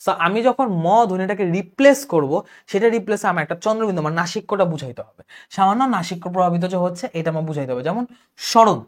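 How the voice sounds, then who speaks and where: A young man with a Bangladeshi Bengali accent, teaching an online exam-prep lecture, briskly explaining rules and answering imagined student questions. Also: sits high, expressive. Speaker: exam tutor.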